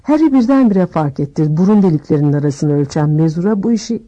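A woman narrating a storybook aloud in a steady, measured reading voice. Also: low-pitched, muffled recording. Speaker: audiobook narrator.

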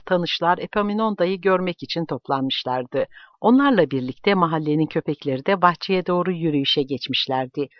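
A man's voice: on the high side, no room sound. Man reading a novel aloud, dull lo-fi. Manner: even, measured storytelling. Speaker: audiobook narrator. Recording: dull lo-fi dry recording.

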